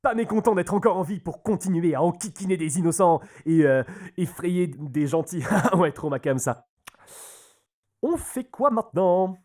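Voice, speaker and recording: A man's voice: sits high, lively intonation, normal speed, a little mellow. A man playing a servile, cheery henchman in a comic audio drama, hesitant and agreeable. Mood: eager, grateful. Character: servile, cheery villain's henchman, eager to please.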